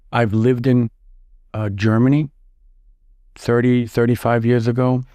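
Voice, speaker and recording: Middle-aged guy from the us, lowish dark voice, stops and restarts a lot, dry close sound. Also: no echo. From United States. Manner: halting, with many restarts and repeated words. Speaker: interview guest. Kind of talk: casual interview answers.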